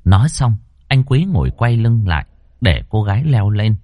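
A man narrating a ghost story in a dramatic, expressive reading style. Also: fairly low pitch, normal speed, no room sound, studio quality.

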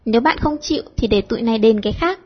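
A woman doing a bossy, sharp-tongued teenage girl. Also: fairly high pitch, expressive, husky, dull audio. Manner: brisk, commanding, mock-stern.

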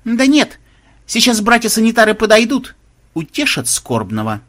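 A man's voice: high voice, huge pitch swings, moderate pace, fairly bright tone, voice pushed up, heavily acted. A man voicing an obliging male temple guide with a folksy, reassuring manner.

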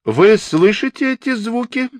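A man's voice: mid-range voice, very animated, a little slow, no echo. A man voicing an irate, stern middle-aged stepfather in an audiobook, barking and clipping each word. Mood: suspicious.

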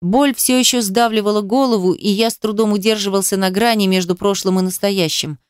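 A woman narrating a story in a steady, measured reading. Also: mid-range voice, clean tone, no room sound, studio quality. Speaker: audiobook narrator. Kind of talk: storybook narration, first person.

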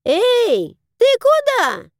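A raspy, gossipy crow from a storybook who mocks everyone she talks to, as a woman puts her on. Her voice jumps high with lively swings, and the sound is dry. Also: slow, no echo, exaggerated voice. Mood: mocking. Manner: mocking, cackling.

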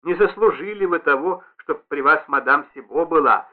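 Reading aloud with light acting, a man with a fairly high voice at a normal pace voices a stout, fussy middle-aged concierge woman who is wheedling, reproachful, and effusive. It sounds like a tinny, band-limited radio broadcast.

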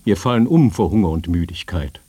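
A man voicing a gruff, hungry German army sergeant with a guttural, forceful voice, barking his demands. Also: sits low, expressive, a little fast, no echo. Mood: pleading.

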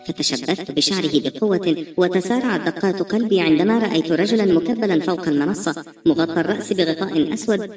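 A woman reading a novel aloud in a brisk, steady storytelling manner. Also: lowish voice. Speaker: audiobook narrator. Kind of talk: scripted novel narration. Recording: roomy echo, distant mic, faint music.

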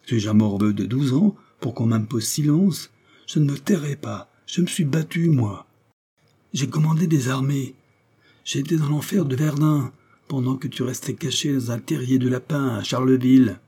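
A man reading an audiobook voices an angry rebellious prince shouting reproaches at his father in a raised, defiant voice. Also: mid-range voice, normal speed, breathy edge, lightly acted. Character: bitter rebellious adult prince, the emperor's son.

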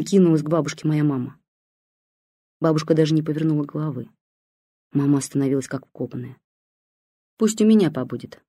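An audiobook reader giving a calm, measured first-person literary narration. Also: medium pitch, slightly rough, dry recording, studio quality.

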